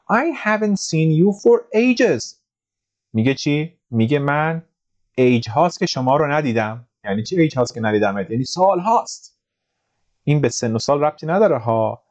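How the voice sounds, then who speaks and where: A man teaching an English grammar lesson, walking through exercises with joking asides and slow, careful readings of the example sentences. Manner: lively, reads English examples slowly and higher, joking asides. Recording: dull lo-fi recording.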